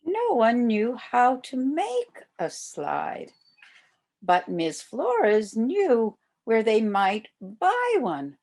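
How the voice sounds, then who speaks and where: Older lady reading a picture book to kids, really slow and expressive, voice on the high side. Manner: slow, expressive delivery for young children. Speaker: volunteer story reader. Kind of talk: read-aloud children's storybook narration.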